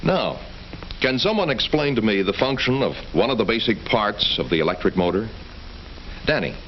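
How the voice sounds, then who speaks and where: A man's voice: lowish voice, animated, normal speed, natural voice. A man playing an orderly science teacher quizzing pupils in an educational film. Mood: instructive. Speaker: classroom teacher. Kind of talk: staged classroom questioning. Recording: dull, faintly noisy 1960s film soundtrack.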